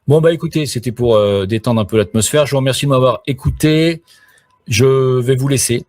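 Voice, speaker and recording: Middle-aged male streamer, rambling and hesitant, salty slang, average pitch, dry room. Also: a little fast, darkish tone, no echo. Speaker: live streamer promoting his platform. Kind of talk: rambling live-stream chat.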